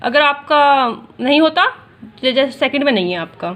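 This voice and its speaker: A woman's voice: sits high, lively intonation, normal speed, a bit bright. A woman maths teacher, explaining step by step and asking and answering her own questions as she talks to students. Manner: addresses students directly, repeats key points; mixes English terms into Hindi. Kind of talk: classroom maths lesson.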